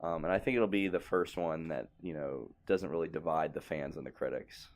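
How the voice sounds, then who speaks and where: A man's voice: a bass voice, steady tone, brisk. A young man co-hosting a podcast, chatting casually in a laid-back, rambling way and laughing often. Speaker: podcast co-host. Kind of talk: casual chat.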